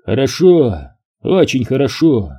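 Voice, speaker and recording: A composed adult soldier giving orders, read by a male narrator. The tone is dark and slightly husky, steady and measured. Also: mid-range voice, exaggerated voice. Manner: measured, commanding. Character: calm commanding adult male soldier, sergeant.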